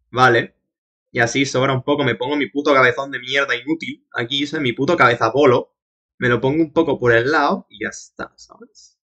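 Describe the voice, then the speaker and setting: A man's voice: medium pitch, a bit bright, dull audio. A young man with a Spain Spanish accent streaming a game, chatting casually and cursing as he talks to his chat. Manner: chatty, profane, laughing asides to chat. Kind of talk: casual live-stream commentary.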